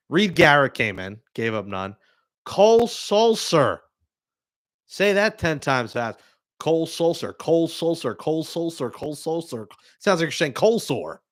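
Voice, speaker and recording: A man hosting a live postgame reaction show, talking through the game with excitable, joking fan commentary. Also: medium pitch. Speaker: sports talk host.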